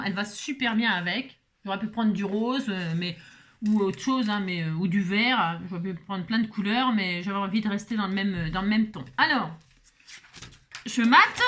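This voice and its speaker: Woman doing a craft tutorial at home, casual and chatty, lots of "ok?" check-ins, middle pitch. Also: a bit bright, slight background noise. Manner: chatty, often checks in with the viewer; thinks aloud with many fillers while working. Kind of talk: casual step-by-step craft demonstration.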